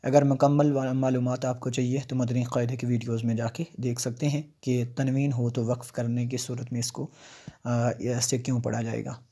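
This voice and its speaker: A male teacher walks through Quran recitation rules step by step. His delivery stays level and flat, broken up by frequent "uh" pauses as he explains each rule in plain teaching talk. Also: medium pitch, slightly rough. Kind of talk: tajweed lesson, recitation with explanation.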